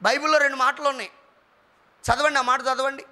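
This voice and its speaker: High-voiced bright man preaching a sermon. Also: steady tone, fast talker. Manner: calls out questions to the congregation and asks for responses; mimics quarrelling people in quoted asides. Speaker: pastor.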